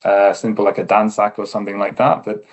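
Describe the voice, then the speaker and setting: English guy on a podcast, lowish voice, easygoing, lots of uhs and restarts. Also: level tone, fast. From England. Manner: thoughtful, with frequent fillers and restarts. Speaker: guest. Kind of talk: casual interview chat.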